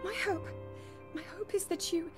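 An actress playing an earnest young princess burdened by duty in a dramatic game cutscene, speaking formally with careful diction. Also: female voice, very high-pitched, fairly even intonation, moderate pace, music in the background. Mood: pleading. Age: young adult.

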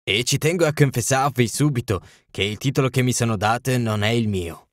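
A towering foreign king in a storybook reading, proud and agitated, his words formal and urgent, as an audiobook narrator puts him on. The voice sits slightly above a man's middle pitch and sounds dry and close. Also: a little fast, dry recording, natural voice. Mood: guarded.

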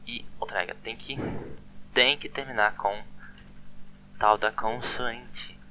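A man's voice: medium pitch, steady tone, slow pace, sharp tone, a little hiss or hum. A man giving a casual online language lesson, chatty and often repeating words with a questioning "né?". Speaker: language teacher.

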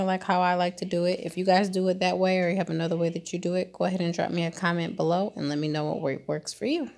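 A woman vlogger giving a chatty, relaxed voice-over about her home cleaning routine. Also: very deep voice, creaky. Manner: chatty and relaxed, with fillers like "um" and "kinda". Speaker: lifestyle vlogger. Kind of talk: casual voice-over narration. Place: home recording, voice-over not recorded in the pictured kitchen.

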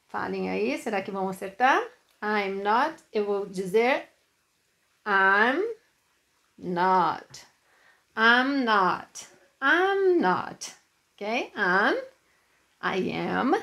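Female English teacher, patient beginner lesson, reads examples slowly. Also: medium pitch. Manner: patient, repeats and checks understanding with "né?" and "ok?".

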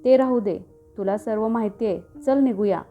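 A woman voicing a lively, affectionate teenage daughter in a storybook reading, eager and bright in manner. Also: on the high side, moderate pace, phone-quality sound, faint music behind, close to an everyday voice.

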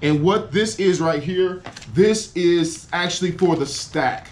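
A man's voice: high voice, slow pace, a little hiss or hum. A man in his forties talking casually to camera in an outdoor unboxing vlog, enthusiastic and exclaiming over each part. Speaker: cycling vlogger. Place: outdoors against a building wall.

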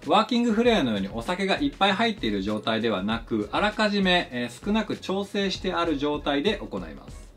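Lively-voiced man explaining a craft. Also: a little fast, few pauses, soft background music. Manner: polite, explanatory, lively pitch swings. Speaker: flair bartender explaining his craft. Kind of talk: scripted educational narration.

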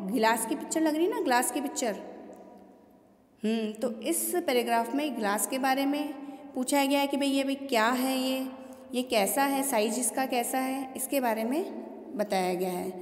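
A woman teacher explaining Sanskrit pronunciation to students, patiently repeating words slowly and asking them questions. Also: high voice. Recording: echoey room with long reverb.

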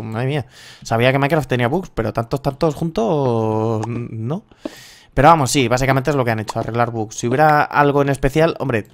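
Spanish man, thirties, Castilian accent, excitable gameplay commentator with a mid-pitched voice and faint noise. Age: 30s. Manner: excitable, swears freely, rambling. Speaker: gaming youtuber.

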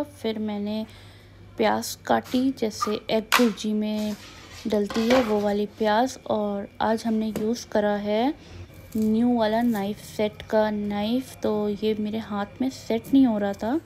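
A woman's voice: fairly high pitch, dark tone, a little hiss or hum. A young woman with a North Indian Hindi accent narrating her family vlog in a chatty way, slipping English phrases into her Hindi. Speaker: family vlogger.

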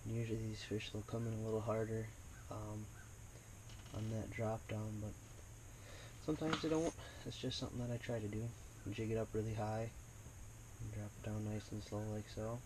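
A man vlogging while ice fishing on a frozen lake, talking quietly to himself and the camera as he fishes, with sudden excited bursts. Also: on the low side, moderate pace, long pauses, noisy background. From Wisconsin. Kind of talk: casual narration while fishing.

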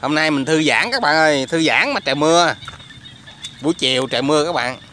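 A bright, crisp-voiced man talking casually to his viewers as he films outdoors on a phone. He keeps asking if they can hear and see things. Faint rain and frog croaks sit behind him. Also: on the high side, animated, fairly quick, a little hiss or hum. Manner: chatty, addresses viewers constantly. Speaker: vlogger. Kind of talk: casual outdoor vlog commentary. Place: outdoors in rain at a quiet resettlement area. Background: rain and frogs croaking.

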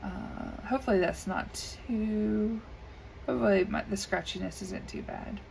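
Coloring at a desk indoors, a woman who creates coloring videos chats in an easygoing, unhurried manner with frequent ums. She speaks a little slowly in a scratchy, creaky, medium-pitched voice that is a little mellow. The mic is an overhead camera above her desk.

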